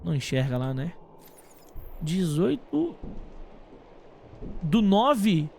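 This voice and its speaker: A Brazilian male game streamer with a high-pitched, very lively voice that swings up and down. He talks informally to his chat, thinking out loud in loose slang, with faint noise behind him. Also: extremely slow, vocal fry. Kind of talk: casual gameplay commentary.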